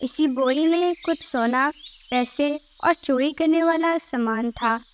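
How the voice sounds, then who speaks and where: A woman's voice: high-pitched, slow pace, slight background noise. A woman reading scripted narration for a children's cartoon story.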